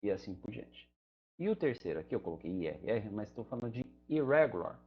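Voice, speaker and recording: A man with a lowish voice and a Brazilian Portuguese accent speaks fast, his pitch swinging widely, and the audio sounds dull. He's an English teacher explaining grammar to students in a chatty, conversational way, often checking in with the listener and dropping fillers like "né" and "tá".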